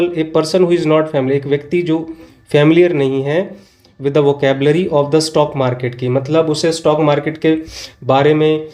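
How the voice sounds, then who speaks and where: A young man with an Indian accent gives an exam-prep lesson, switching between English terms and Hindi explanations. His voice sits a little high but sounds soft and mellow. He reads each English phrase slowly, then repeats its meaning patiently in Hindi. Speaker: tutor.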